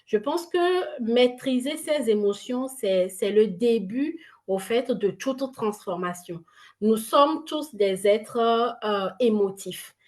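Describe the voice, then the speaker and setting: A woman's voice: a little high, expressive, slow pace, darkish tone. A woman hosting an online live session, introducing coaches and talking with many fillers. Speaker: live stream host.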